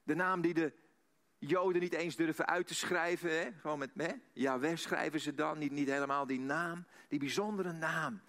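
Preacher with a dramatic delivery. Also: male voice, on the high side, fairly even intonation, moderate pace. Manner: dramatic, swings from hushed near-whisper to emphatic; repeats phrases for emphasis, uses "hè?". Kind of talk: sermon.

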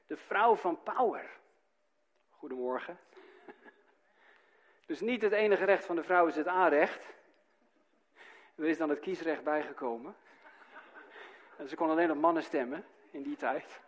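Lively high-voiced man preaching. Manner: lively preaching with asides and rhetorical questions. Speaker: pastor. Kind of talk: sermon.

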